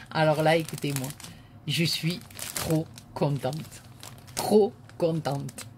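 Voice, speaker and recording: A woman's voice: sits low, very slow, pauses often. Woman, crafts vlogger, casual chat, gushing, repetitive praise, filler words, noisy home recording. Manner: effusive, repeats words of praise over and over; speaks with many fillers. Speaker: crafts vlogger unboxing a parcel.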